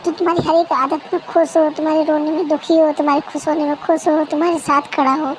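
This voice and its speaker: Someone voicing a patient, caring young husband in a fan-made audio drama, soft and reassuring. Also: high voice, flat delivery, fast talker, background noise, lightly acted. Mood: explaining.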